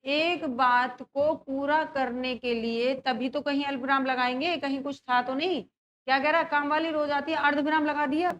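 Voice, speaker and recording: A woman with a high voice teaches an exam-prep grammar lesson. She reads the example sentences slowly and more than once, then keeps asking her students which option is right. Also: steady tone, fairly bright tone, highs cut off, a little hiss or hum. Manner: repeats example sentences slowly, asks the class questions.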